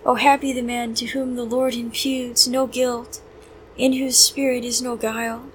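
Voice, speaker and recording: A woman leading evening prayer, reading hymns and psalms in a measured, reverent way, with short plain remarks between them. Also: fairly high pitch, slight background noise, rough recording. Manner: measured, reverent recitation with brief plain asides. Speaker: prayer leader. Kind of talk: reading the Liturgy of the Hours aloud.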